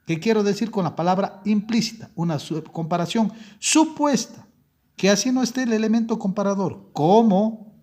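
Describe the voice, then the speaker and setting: A man's voice: high voice, dark tone. A young adult man teaching a language class, explaining step by step and often checking in with his students. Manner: frequent self-corrections and restarts. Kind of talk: classroom lecture.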